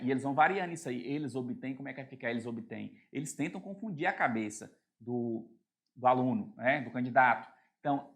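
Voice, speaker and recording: A man with a Brazilian Portuguese accent teaching an exam-prep grammar lesson, explaining step by step and often checking that students are following. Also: on the high side.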